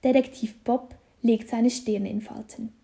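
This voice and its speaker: A woman reading a children's story aloud, slow and deliberate. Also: on the high side, steady tone, gravelly, warm tone.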